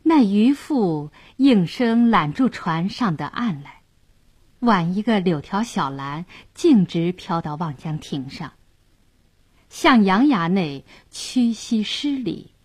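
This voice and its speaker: Woman telling an old story, slow and lively, kinda husky voice. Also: medium pitch, dry recording. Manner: vivid, expressive narration. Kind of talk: traditional oral storytelling.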